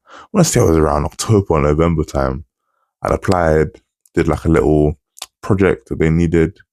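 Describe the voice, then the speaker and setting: A man's voice: extremely low pitch, darkish tone, dry recording. A man in his twenties giving a casual vlog update, talking with a lisp from wearing retainers, in a hesitant, rambling way that repeats phrases. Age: 20s. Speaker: vlogger.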